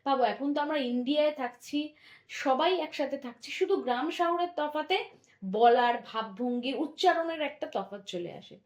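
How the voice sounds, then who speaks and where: Lively high-voiced woman teaching history. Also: normal speed, roomy sound. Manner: explains step by step, often checks understanding with a tag question. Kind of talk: school history lesson.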